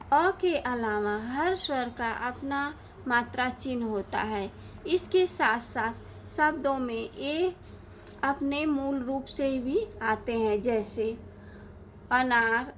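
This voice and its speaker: A woman teaching a lesson, asking questions and answering them herself in a slow, deliberate way. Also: high-pitched, a little hiss or hum. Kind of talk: Hindi grammar lesson.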